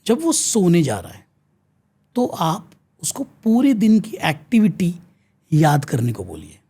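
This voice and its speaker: A man's voice: sits high, wildly swooping pitch, unhurried, dark tone, breathy edge. An Indian man, a teacher and counsellor, explaining and giving advice in an earnest, lecturing way as an interview guest, switching between Hindi and English mid-sentence.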